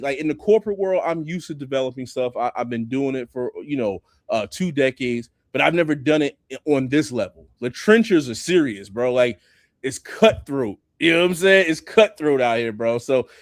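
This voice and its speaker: Animated man who keeps saying bro. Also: fairly high pitch, no echo, clean studio sound. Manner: animated, says "bro" and "you know what I'm saying" a lot. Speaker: hackathon builder. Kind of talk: casual chat.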